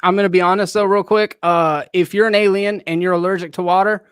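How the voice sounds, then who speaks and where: A man on a casual live-stream panel holds forth in a slightly high voice, blunt and joking. The sound is dry and close to the mic, with no room around it. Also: fairly even intonation, fast, fairly bright tone, smooth, dry recording.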